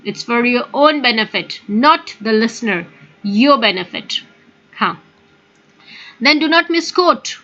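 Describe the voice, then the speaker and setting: A woman with an Indian English accent teaches conversation manners in a high voice. She explains with emphasis and keeps checking in with her listeners. The recording is a little dull and lo-fi. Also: lively intonation, a little slow, pauses often, pushed and bright, faint music behind. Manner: explanatory, emphatic, often addresses listeners directly. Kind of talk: spoken English lesson.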